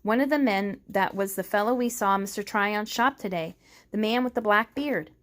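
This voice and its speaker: A woman's voice: medium pitch, normal speed, a bit bright, close to an everyday voice. A woman reading a timid young girl. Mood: earnest. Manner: timid, trembling.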